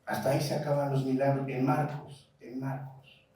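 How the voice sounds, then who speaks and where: A man's voice: mid-range voice, little pitch movement, normal speed, dark tone, a little hiss or hum. A man preaching a sermon with a Mexican Spanish accent, asking his congregation question after question. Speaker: pastor. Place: church hall. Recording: echoey church hall, mic at a distance.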